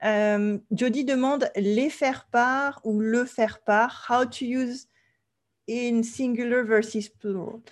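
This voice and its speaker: A French woman leads an online language class. She explains things patiently and plainly, pausing to make sure her students are following along. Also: fairly high pitch, fairly even intonation. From France. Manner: clear, patient explaining, often checks with "d'accord?". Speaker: French teacher.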